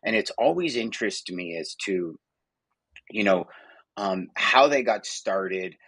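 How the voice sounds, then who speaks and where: A man's voice: fairly low pitch, expressive, measured pace, a bit bright, husky, dry recording. A man hosting a casual interview, rambling conversationally with lots of fillers. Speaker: podcast host.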